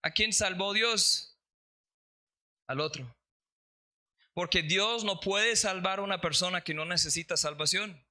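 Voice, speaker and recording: Pastor guy preaching, really bright ringing voice, kinda high, slows down to hit the verses. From Colombia. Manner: reads scripture aloud, slows for emphasis. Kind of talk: sermon.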